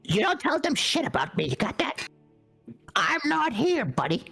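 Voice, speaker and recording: A man voicing a pushy, sneaky little voice in someone's head for a tabletop game, raspy and bossy. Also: extremely high pitch, huge pitch swings, normal speed, sharp tone, faint music behind, pitched above the performer's own voice, heavily acted. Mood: pushy, threatening. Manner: bossy, streetwise, conspiratorial. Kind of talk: tabletop role-play character voice.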